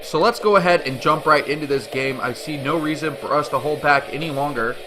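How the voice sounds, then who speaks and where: A game caster delivers upbeat, explanatory play-by-play on a strategy game in a slightly high, brisk voice. He uses fillers and restarts, and background music plays behind him, especially at the start.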